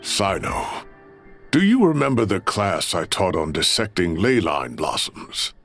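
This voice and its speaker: An actor playing an assured scholarly professor and mentor in a video game, composed and instructive. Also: male voice, low-pitched, sing-song, measured pace, a bit bright, soft background music, heavily acted.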